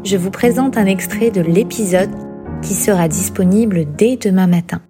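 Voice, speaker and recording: A woman hosting a podcast, introducing the episode and asking questions with clear, welcoming presenter delivery. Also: mid-range voice, moderate pace, over music. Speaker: podcast host. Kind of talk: scripted intro and interview questions.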